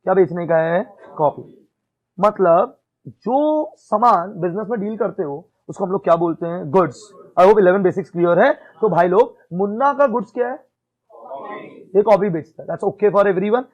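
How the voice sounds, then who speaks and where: A man's voice: sits high, lively intonation, unhurried, dull audio. A male accounts teacher giving a classroom lecture in mixed Hindi and English, often checking "ठीक है?" and quizzing his students.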